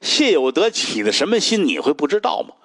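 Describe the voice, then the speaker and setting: Sharp-tongued old woman, scolding and indignant, voiced by a male storyteller, with lively swings of pitch. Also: brisk, no room sound, studio quality.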